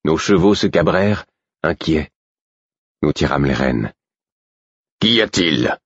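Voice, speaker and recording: A man reading a first-person novel aloud, with steady, measured narration and voices for the characters. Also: a bass voice, husky, no room sound, lo-fi sound. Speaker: audiobook narrator.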